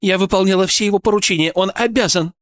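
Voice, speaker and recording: A man reading an audiobook and voicing a desperate, defiant woman prisoner in a raised, sharp voice. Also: high voice, fast talker, no echo, clean studio sound, pitched above the performer's own voice, lightly acted. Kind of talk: audiobook character voice.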